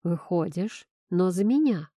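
A woman reading the part of a brooding, possessive young man who talks in a low, purring, menacing way. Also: animated, measured pace, warm tone, no echo, studio quality. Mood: commanding.

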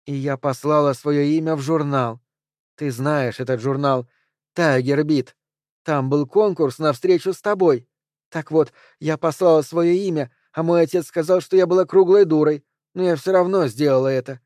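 A man reading an audiobook, voicing an agitated, unstable woman holding a gun, in shrill emotional outbursts. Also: normal speed, darkish tone, no echo, studio quality, lightly acted. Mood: excited.

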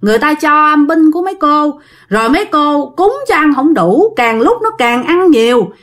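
A woman's voice: sits high, lively intonation, moderate pace, a bit bright, voice pushed up. Knowing old fortune-teller, as a woman puts him on. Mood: lecturing. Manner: lecturing, knowing. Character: shrewd older male fortune-teller, confident.

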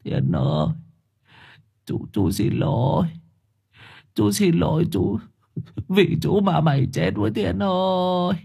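Man voicing a sobbing, wailing older man, high cracked cries, husky. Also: very animated, slow, long pauses, dark tone, exaggerated voice. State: crying. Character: grief-stricken older man wailing over a dead boy.

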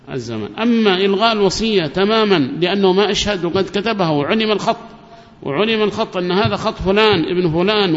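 A man teaching a lecture on religious rulings, explaining carefully and repeating key phrases. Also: on the high side. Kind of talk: classroom lecture on Quranic rulings. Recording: dull, echoey lecture recording.

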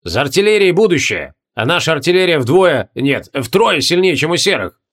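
A man's voice: a little high, sing-song, normal speed, a bit bright, heavily acted. A man reading an audiobook voices a portly male general who pouts and speaks awkwardly. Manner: sulky, awkward.

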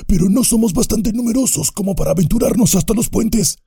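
A quarrelsome orc from the mines, as a male narrator puts him on, pitched high and shrill, whining his grievances in a raised, strained voice. The audiobook delivery is dry and close. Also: brisk, vocal fry, mellow, slightly rough, no echo, full character voice. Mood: resentful. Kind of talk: audiobook character voice.

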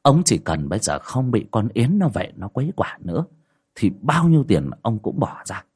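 A man's voice: normal speed, slightly rough. A man narrating a spoken ghost story in a dramatic way. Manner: dramatic, lively pitch.

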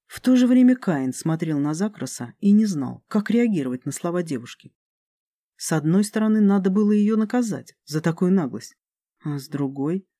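An audiobook narrator reading a fantasy story with an even storytelling delivery. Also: medium pitch, normal speed, dry recording.

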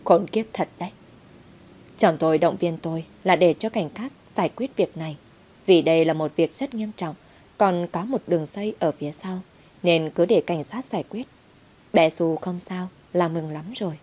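Woman storyteller, low-pitched, dramatic first-person narration. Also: normal speed, mellow. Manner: dramatic, heated when quoting herself.

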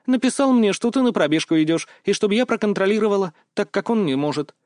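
A man voicing a lively, teasing teenage girl in an audiobook, quick and chirpy in manner. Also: high-pitched, dry recording, clean studio sound, voice pushed up. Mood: bossy. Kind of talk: audiobook character voice.

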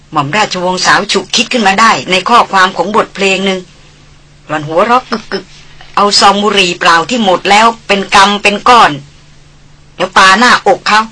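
Female audiobook narrator, bright and slightly husky, steady delivery. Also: medium pitch.

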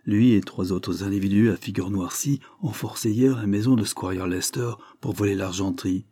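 Male reader doing a deferential lawyer, measured and low, in a dry read. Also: warm tone, husky, dry recording. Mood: reporting. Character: deferential country lawyer, cautious and gossiping.

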